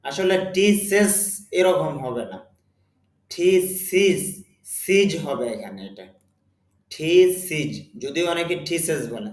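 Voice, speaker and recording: A man with a Bengali accent teaching a spoken English lesson, speaking slowly and deliberately and repeating words for his students. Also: on the high side, reverberant.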